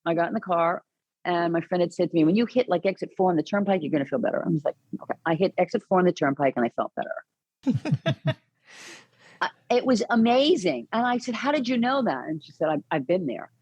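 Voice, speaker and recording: Woman, husky breathy voice, earnest storytelling, dry slightly dull recording. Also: on the low side, a little fast, no room sound. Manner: earnest, animated, many restarts and "you know". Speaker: podcast guest, caregiving advocate. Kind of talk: conversational interview storytelling.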